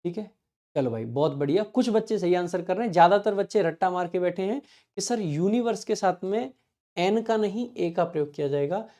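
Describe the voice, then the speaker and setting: A man with a high, dark-toned voice and lively intonation teaches English grammar in an online exam-prep class. He keeps quizzing his students with quick check questions and reads each example sentence slowly, one word at a time.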